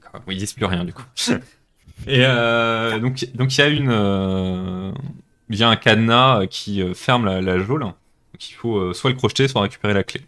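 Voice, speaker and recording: A man narrating a tabletop role-playing game as game master, relaxed and hesitant, with many fillers. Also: lowish voice, moderate pace.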